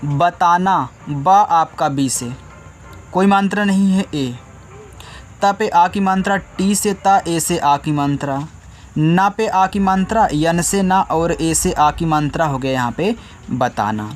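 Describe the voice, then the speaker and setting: Man slowly spelling words out for kids. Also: a little high, slight background noise. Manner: patient, repeats each letter slowly for children. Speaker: teacher. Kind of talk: step-by-step spelling lesson.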